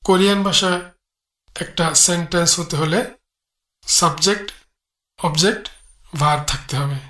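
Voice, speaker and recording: A man giving a read-aloud grammar lesson. He talks in a measured way and spells out sounds one by one. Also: on the high side, pushed and bright, reverberant. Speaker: language teacher.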